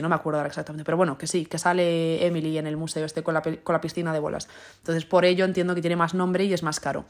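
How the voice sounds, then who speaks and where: A young woman with a Spain Spanish accent hosting a podcast in a chatty, rambling way full of asides. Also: lowish voice. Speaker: podcast host. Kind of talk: casual podcast chat.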